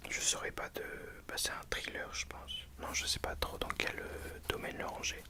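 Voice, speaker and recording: A person giving an ASMR book review in a soft, breathy library whisper, hesitant and often self-correcting. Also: moderate pace. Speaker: book reviewer addressing viewers.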